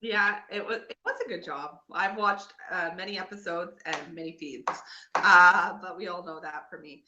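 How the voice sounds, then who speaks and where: A woman's voice: fairly low pitch, normal speed, bright, forceful tone, lo-fi sound. A woman with a Nova Scotian Canadian accent co-hosting a podcast, chatting casually in a rambling, gossipy recap. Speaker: podcast co-host.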